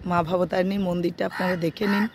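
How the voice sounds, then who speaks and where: On a morning rooftop, a middle-aged woman with a cold-roughened voice chats casually into a handheld phone for her vlog, speaking slow and soft with frequent fillers. Her voice is lowish and level against a noisy background.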